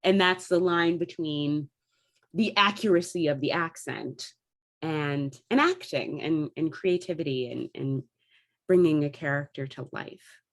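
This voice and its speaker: A woman with a deep voice talks in an unhurried, casual, enthusiastic way about theatre craft, sounding like a director musing aloud about performance.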